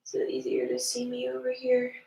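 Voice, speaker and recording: A woman's voice: fairly high pitch, big pitch swings, fairly quick, gravelly, mellow. A young woman with a stuffy nose leading a live-streamed yoga class, speaking casually with many fillers. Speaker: yoga teacher. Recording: roomy, distant from the mic.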